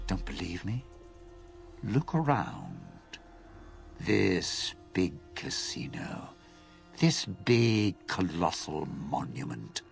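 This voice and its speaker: An actor playing a bitter, vengeful lounge singer who schemes and sneers, in video game dialogue. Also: male voice, sits low, gravelly, exaggerated voice. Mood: scornful. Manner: sneering, drawn-out, sly.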